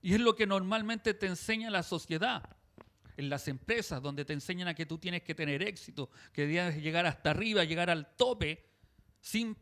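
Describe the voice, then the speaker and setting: High-voiced Chilean pastor preaching. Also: male voice. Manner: fervent preaching with frequent amens, drops soft for quoted words. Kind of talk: sermon.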